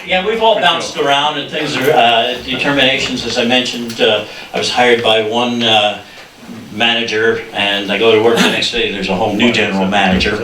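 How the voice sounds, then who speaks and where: An older man telling anecdotes in a halting, reminiscing way as a ceremony presenter. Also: mid-range voice, fairly even intonation, pushed and bright. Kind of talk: anecdotal introduction speech. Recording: echoey room, distant mic, faint noise.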